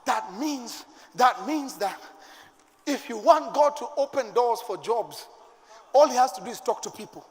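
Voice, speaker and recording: A middle-aged man with a Kenyan accent, preaching a sermon to his church with fervour and sudden shouted bursts. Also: very high-pitched, lively intonation, measured pace. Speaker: pastor. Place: church sanctuary. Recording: long church-hall reverb.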